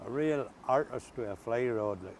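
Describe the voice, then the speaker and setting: An older man with a rural Ulster accent, chatting and telling stories casually as an interview guest outdoors. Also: moderate pace. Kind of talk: casual storytelling chat. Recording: steady background noise, outdoor rumble.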